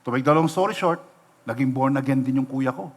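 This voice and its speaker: During a livestreamed sermon from a church sanctuary, a middle-aged Filipino pastor talks fairly quickly at medium pitch. He shares stories, asks the congregation rhetorical questions, and weaves in bits of English.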